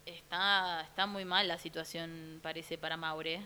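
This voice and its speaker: Bright-voiced Rioplatense woman chatting. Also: sits low, level tone. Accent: Rioplatense Spanish. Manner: chatty, playful, quick asides. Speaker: podcast co-host. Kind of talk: casual chat. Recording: faint hiss.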